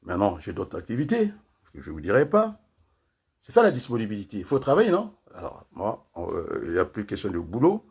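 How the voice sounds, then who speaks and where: Older man, husky, lively pitch, rambling talk with lots of tag questions. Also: fairly quick. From Congo. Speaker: political commentator. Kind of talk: casual political talk.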